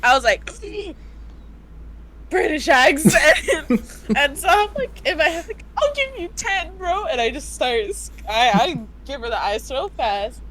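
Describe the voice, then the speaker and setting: A young woman from the United States, co-hosting a casual podcast, animated and laughing as she acts out customers. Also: sits high, a little slow, poor audio. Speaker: co-host. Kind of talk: casual storytelling chat.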